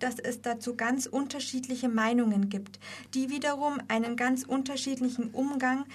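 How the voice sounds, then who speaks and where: High-voiced woman hosting a radio show. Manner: reads from a script, sometimes stutters on a word. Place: radio studio.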